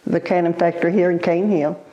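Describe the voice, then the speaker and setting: An elderly woman reminisces in an interview in a halting, unhurried way, pausing as she recalls. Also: fairly low pitch, steady tone, mellow, lo-fi sound. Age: elderly, born 1936. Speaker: oral history interviewee.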